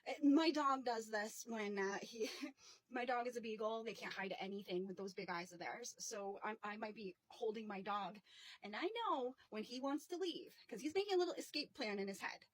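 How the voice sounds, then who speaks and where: A woman's voice: on the high side, normal speed, rough recording. A woman hosting a casual commentary vlog, chatty and indignant, with many fillers and restarts. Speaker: commentary channel host.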